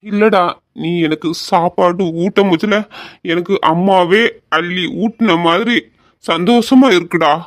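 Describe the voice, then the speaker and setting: A performer voicing a caring older brother who softly reassures his younger sister in an amateur audio drama. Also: mid-range voice, measured pace, close to an everyday voice. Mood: reassuring. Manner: soft, reassuring, affectionate.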